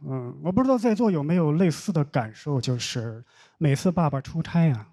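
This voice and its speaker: Young male stand-up comic, deadpan storyteller, lively high voice, live stage mic. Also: moderate pace. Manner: deadpan storytelling, mock complaints. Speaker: stand-up comedian. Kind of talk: stand-up comedy set. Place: comedy stage with live audience. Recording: noisy live show audio.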